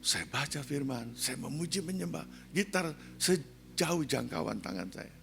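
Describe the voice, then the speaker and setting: Older man preaching, gravelly bright voice. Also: big pitch swings, a little slow, slight background noise. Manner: swings from soft low asides to loud high exhortation. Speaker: pastor. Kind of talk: sermon. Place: church sanctuary.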